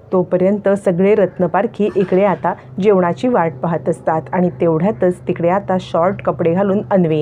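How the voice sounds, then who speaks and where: A woman narrates a television serial episode as a spoken story, stepping briefly into each character's lines. Her voice sits a little low and sounds mellow and warm. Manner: retells scenes, voicing each character's lines lightly.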